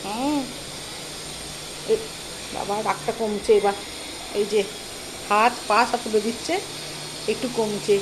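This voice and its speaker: A woman's voice: medium pitch, steady tone, slow pace, long pauses, background noise. A woman, vlogging at home and fondly coaxing her sulking pet in baby talk. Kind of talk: casual vlog narration. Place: home, indoors.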